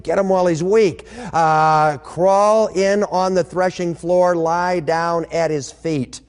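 A man's voice: on the high side, darkish tone, big-room sound. A man voicing Naomi, an older woman coaxing her widowed daughter-in-law, with a chatty, folksy manner.

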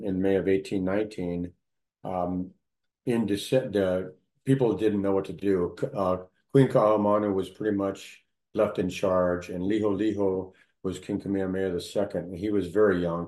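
Male storyteller, very low pitch, halting casual delivery, echoey room. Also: dark tone. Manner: storytelling, halting with many fillers and restarts. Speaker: local history storyteller. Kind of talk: casual conversation.

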